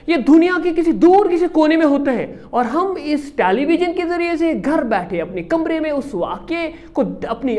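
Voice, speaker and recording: A man's voice: extremely high pitch, a little mellow. A man teaching a class of schoolchildren, repeating key words and quizzing the pupils as he goes. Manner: emphatic, stretches words for stress. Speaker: Urdu teacher. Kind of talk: classroom lecture to children.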